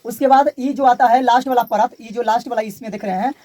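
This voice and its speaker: A man's voice: extremely high pitch, fairly even intonation, fast, a crowd in the background. A male teacher with a Bihari Hindi accent giving a classroom physics lecture, repeating key terms and asking the class to call them back.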